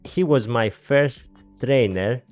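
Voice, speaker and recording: With soft music in the background, this podcast host from Greece speaks slowly in a mid-range, slightly mellow voice. In his thirties, he interviews a guest casually in a small studio over a boom-arm mic and headphones, laughing a lot, talking freely and using non-native grammar in his Greek-accented speech.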